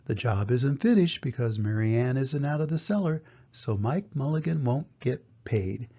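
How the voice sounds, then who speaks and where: A man's voice: medium pitch, lively intonation, normal speed, dark tone, dull audio. A man voicing a mean, smug townsman in a children's storybook, grudging in manner.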